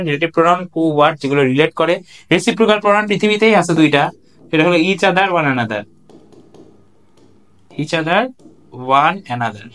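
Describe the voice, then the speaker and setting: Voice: mid-range voice, fairly bright tone. Tutor explaining with constant rhetorical questions. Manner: explains step by step, asks rhetorical questions, checks understanding; reads English sentences out slowly and deliberately. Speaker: English tutor for admission exams. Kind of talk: recorded exam-solution lecture.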